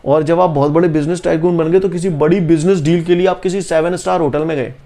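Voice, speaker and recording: Man, physics teacher, high voice, gravelly, drills formulas, keeps asking "clear?". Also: steady tone, quick pace, warm tone. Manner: coaxing, repeats "clear?", drills formulas aloud. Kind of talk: classroom lecture.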